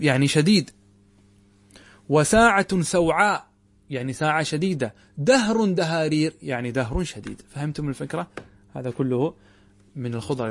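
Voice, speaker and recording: Male scholar teaching grammar. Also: a little high. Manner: explains with rhetorical questions to students; slow, drawn-out recitation of quoted verses. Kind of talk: grammar lesson commentary.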